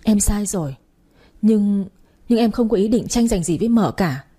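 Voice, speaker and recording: A woman's voice: mid-range voice, animated, moderate pace, mellow, husky. Woman voicing a terrified begging young maid. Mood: pleading. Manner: pleading, sobbing.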